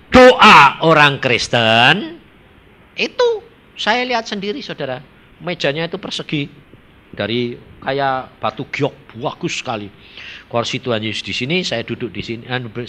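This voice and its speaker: Man, preacher, animated pitch, bright voice, dramatic storytelling. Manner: lively, dramatic, swings between loud and hushed. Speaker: evangelist preacher.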